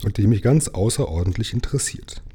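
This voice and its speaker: A man reading aloud, voicing a pompous, formal gentleman in a children's story. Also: lowish voice, animated, a little fast, breathy edge. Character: pompous, learned older gentleman neighbor.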